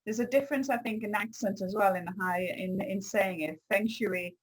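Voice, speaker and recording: A woman's voice: mid-range voice, fairly quick, slightly rough, poor audio. Bubbly French-accented woman host. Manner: bubbly, laughs often, exclamatory. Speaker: interview host. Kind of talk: casual interview.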